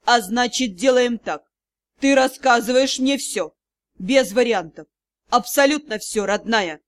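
A woman reading an audiobook, voicing a furious male dark-lord magister in a hoarse, menacing voice. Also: on the low side, moderate pace, no echo, studio quality, voice pushed down, close to an everyday voice. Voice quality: hoarse, growling. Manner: threatening, icy, commanding. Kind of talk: audiobook character voice.

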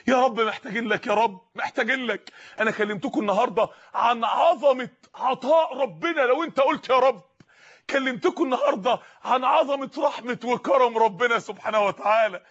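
A man with an Egyptian Arabic accent preaching a sermon in an impassioned way, raising his voice to shouts. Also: very high voice. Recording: muffled lo-fi recording.

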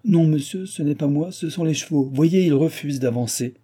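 A man voicing a frightened rustic coachman in an audiobook, pleading in a dark, husky voice. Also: fairly high pitch, normal speed, voice pushed up. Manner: pleading, panicked.

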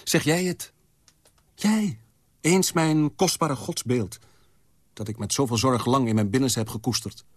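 A man's voice: mid-range voice, measured pace, long pauses, no room sound, studio quality, pitched above the performer's own voice, natural voice. A man reading as a bitter, scornful dying old man. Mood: anguished. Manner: anguished questioning, biting. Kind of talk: literary reading.

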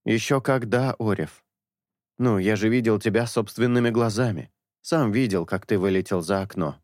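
A man voicing a patient young priest in an audiobook, coaxing and reasoning in a low voice. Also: moderate pace, darkish tone, no room sound, studio quality, natural voice. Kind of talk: audiobook character dialogue.

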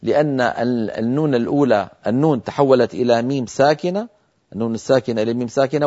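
A man teaching recitation in a televised lesson, calmly explaining each rule and then demonstrating it slowly, with long, drawn-out nasal sounds. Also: medium pitch. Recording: muffled broadcast audio.

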